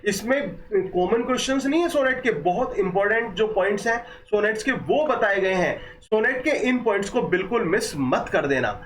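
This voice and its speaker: A man teaching an exam-prep lecture, quizzing his students and repeating key points, reading passages slowly. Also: high-pitched, expressive, fairly bright tone, distant mic, a little hiss or hum. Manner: slows down to read English passages. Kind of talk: Hindi-English exam lecture. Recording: echoey room, voice from off the mic.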